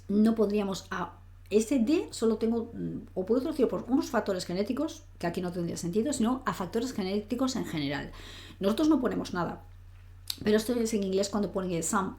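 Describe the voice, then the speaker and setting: A woman's voice: mid-range voice, dark tone. A woman teaching French grammar in Spanish, explaining patiently, reading French example sentences aloud and often checking in with the listener. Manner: patient, explanatory, frequent "¿vale?" check-ins. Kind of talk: online grammar lesson.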